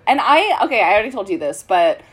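A young woman co-hosting a podcast in casual chat, playful and giggly, quick to agree with her friend. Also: mid-range voice, sing-song. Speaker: podcast co-host.

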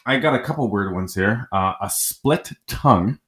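A man co-hosting a casual podcast, blunt and profane with loud outbursts. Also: fairly low pitch, animated, moderate pace. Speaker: podcast co-host. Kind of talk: casual crude chat.

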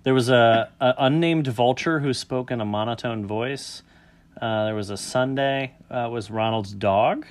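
A man hosting a casual podcast, reading out a list of entries and dropping quick joking asides between them. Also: mid-range voice. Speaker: podcast host.

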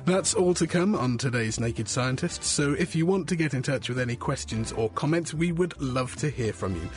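A British man presenting a scripted science show as host, with a bright, curious manner. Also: mid-range voice, animated, moderate pace, faint music behind.

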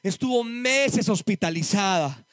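A man giving an impassioned testimony sermon to a church congregation, addressing them as brothers and rising to shouted exhortation. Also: high-pitched, expressive, a little slow, no room sound, clean studio sound. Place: church service before a congregation.

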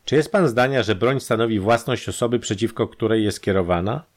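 Detective, male, composed and relentless, measured questioning, read by a male narrator. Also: fairly low pitch, voice pushed up, natural voice. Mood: probing. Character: calm, dry, persistent male police detective.

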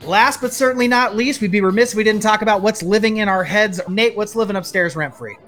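Upbeat male podcast host, slightly high, bright voice, keeps things moving. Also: fast, faint music behind. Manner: upbeat, leads segments. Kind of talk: casual podcast chat.

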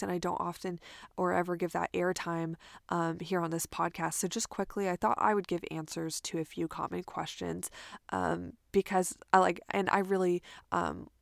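A woman's voice: on the low side, creaky, dry recording, clean studio sound. A woman career coach hosting her own podcast, talking in an earnest, upbeat way with lots of fillers and restarts. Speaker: podcast host. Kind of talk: casual solo podcast monologue.

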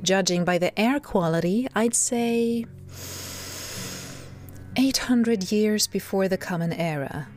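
An imperious female deity played by an actress narrates a scripted audio drama, speaking as a disembodied voice. She shifts between storytelling and coaxing, at a middling pitch with faint music behind her. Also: slow pace, long pauses, darkish tone, close to an everyday voice. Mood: wry, commanding. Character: disembodied female voice of God, commanding narrator of prophets.

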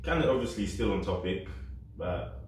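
A man's voice: on the low side, animated, normal speed. A man hosting a casual interview, informal and slangy, throwing in interjections. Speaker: interviewer, host. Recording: echoey room, distant mic, faint noise.

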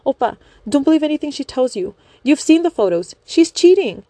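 A woman's voice: sits high, very animated, fairly quick, mellow, no echo, voice pushed up. A woman voicing an obsessive young female fan in a story, whiny, pleading and jealous, stammering as she talks. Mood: whiny, accusing.

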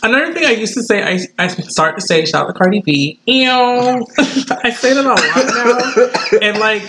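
A young man chatting casually with coworkers and telling animated, playful stories. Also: very high voice, moderate pace, a crowd in the background, rough recording. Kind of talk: casual chat.

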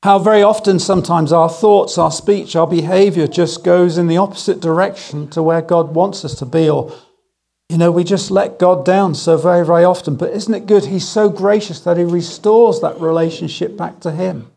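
A middle-aged man preaching a sermon, telling stories with gentle humour and slowing down on key phrases. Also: sits high, steady tone, gravelly. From England. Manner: storytelling with gentle humour, slow emphatic phrases. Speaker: guest speaker.

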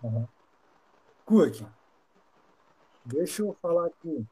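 Warm, husky-voiced man hosting. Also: a little high, lively intonation, takes it slowly, rough recording. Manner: gentle, grateful, polite wrap-up. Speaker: live-stream host, psychology student. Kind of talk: casual live-stream interview.

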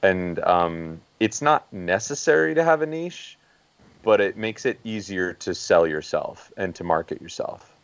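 A man's voice: sits low, lively intonation, a little slow, no room sound, dull audio. A man speaking as a guest photojournalist on a podcast, plain and practical with some fillers. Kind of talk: casual podcast talk.

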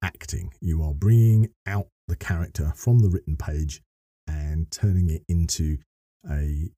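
As a podcast guest, a middle-aged voice actor and narrator earnestly describes his work in wordy sentences he frequently rephrases. His dark voice sits low and moves a little slowly, in studio-quality audio with no room sound.

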